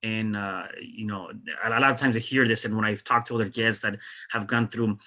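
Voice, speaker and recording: Bright-voiced male podcast host, halting. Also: on the low side, fairly even intonation. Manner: halting, many fillers and restarts. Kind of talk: interview.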